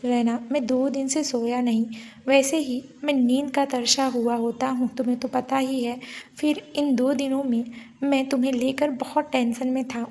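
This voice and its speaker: A stubborn, teasing young police officer, worn out and clingy with his wife, as a woman reads him in her own high voice. He pleads and sulks softly, like a husband in a romantic audio story. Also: a little hiss or hum.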